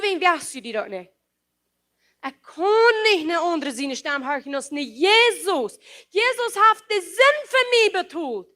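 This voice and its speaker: A woman preaching a sermon in a very high, bright voice. Her pitch leaps up and down with lively emphasis. She drives her points home with repeated phrases and slips English words into her talk.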